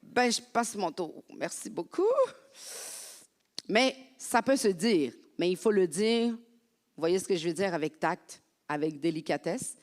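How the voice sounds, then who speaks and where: A woman's voice: on the low side, measured pace. Woman preaching in an echoing hall. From France. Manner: lively, conversational preaching. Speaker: pastor. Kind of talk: sermon. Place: church sanctuary. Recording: long hall reverb.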